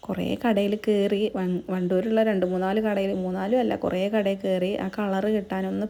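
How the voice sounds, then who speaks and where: A woman's voice: mid-range voice, little pitch movement, moderate pace, vocal fry, mellow, a little hiss or hum. A young woman narrating her family vlog in a casual, chatty voice-over, tagging friendly asides onto her sentences. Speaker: vlogger.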